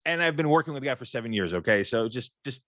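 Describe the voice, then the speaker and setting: A man's voice: medium pitch, lively intonation, quick pace, fairly bright tone, dry recording. A middle-aged man from Ukraine moderating a casual panel chat, joking and stumbling over repeated words.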